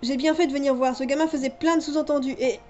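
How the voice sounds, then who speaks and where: Brief: woman playing a firm, protective stepdad, high voice, muffled lo-fi sound with music. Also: steady tone, fast talker, darkish tone, natural voice. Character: protective stepfather, stern then gentle. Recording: dull lo-fi with music behind.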